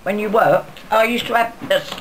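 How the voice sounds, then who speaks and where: A woman's voice: mid-range voice, fairly even intonation, moderate pace, slight background noise, poor audio. A woman of ninety-eight tells stories of her past in a chatty, rambling way, acting out bits of dialogue. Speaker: interviewee recalling her wartime life. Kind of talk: casual spoken reminiscence. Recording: busy background chatter around the voice.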